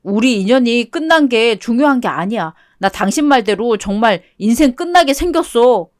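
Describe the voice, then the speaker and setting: A whiny, clingy ex-husband in a storybook radio drama, as a woman reader puts him on. He pleads and wallows in self-pity, desperate to be taken back. The voice sits fairly high. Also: expressive, moderate pace, natural voice. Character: whiny cheating ex-husband, middle-aged man, desperate. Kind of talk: one-voice radio drama reading.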